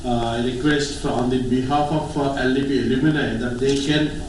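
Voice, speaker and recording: A man's voice: medium pitch, steady tone, moderate pace, a little mellow. A man makes an impromptu, formal remark to a gathering. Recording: echoey hall from far off, faint noise.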